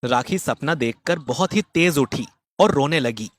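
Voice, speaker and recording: A man narrating a dramatized moral story in a steady, plain storytelling manner. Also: fairly high pitch, a little slow.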